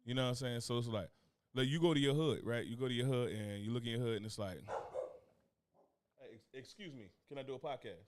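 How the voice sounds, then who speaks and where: This podcast co-host from Newark, New Jersey is a laid-back guy who rambles profanely through casual chat, laughing as he goes. His voice is medium-pitched and fast, with a little hiss or hum in the audio.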